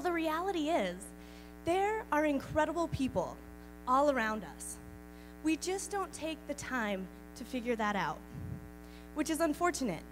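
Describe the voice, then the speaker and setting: Lively high-voiced woman, heartfelt talk. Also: low-quality recording. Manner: heartfelt, encouraging, measured. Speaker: speaker at a live community talk night. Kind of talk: earnest closing remarks to an audience.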